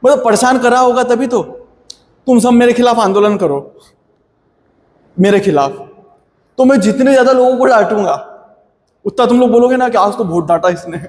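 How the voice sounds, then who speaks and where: A man's voice: high-pitched, darkish tone, long reverb tail. A man teaching a history lesson in a chatty, friendly way, calling his students "beta". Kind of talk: classroom history lecture.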